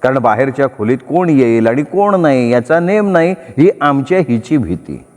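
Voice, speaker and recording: Expressive male storyteller, reverberant room. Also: medium pitch, normal speed. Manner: lively, expressive narration. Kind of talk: dramatic story reading. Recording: long reverb.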